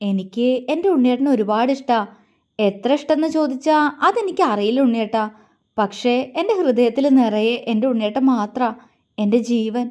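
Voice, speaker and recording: A woman voicing a grieving young wife who speaks softly and emotionally in an audio drama. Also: on the high side, moderate pace, natural voice. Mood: tender, tearful. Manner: soft, emotional, pleading.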